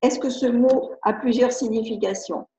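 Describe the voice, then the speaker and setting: Her voice is a little high and mellow, steady in tone, at a moderate pace, and she has a French accent. As an educator running a live video-conference webinar, she reads viewer questions and answers in a chatty, hesitant manner with frequent restarts. Audio is from a computer mic on a video call, sounding muffled and roomy.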